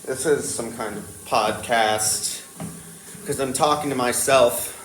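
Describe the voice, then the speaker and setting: A man's voice: mid-range voice, slow, fairly bright tone. Teenage boy rambling in an echoey room. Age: teenager, born around 2010. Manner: hesitant, stop-start, wandering train of thought. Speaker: vlogger. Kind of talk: rambling casual solo chat. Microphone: talking to a tablet. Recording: echoey room with faint background noise.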